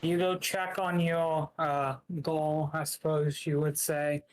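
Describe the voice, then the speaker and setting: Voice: medium pitch, little pitch movement, slow pace, slight background noise, natural voice, poor audio. A player or game master voicing a dry, sarcastic companion in a tabletop game, drawling offhand remarks.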